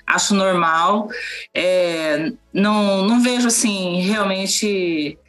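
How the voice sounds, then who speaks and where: A woman's voice: medium pitch, slow pace, fairly bright tone, faint music behind, rough recording. A woman veterinarian speaking in a podcast conversation, direct and matter-of-fact, with some hesitations. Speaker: veterinarian and team leader.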